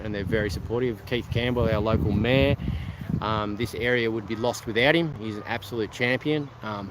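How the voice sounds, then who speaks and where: A man's voice: fairly low pitch, noisy background. A man with an Australian accent, live-streaming casual chat to viewers at an outdoor car show, rambling with lots of ums and restarts.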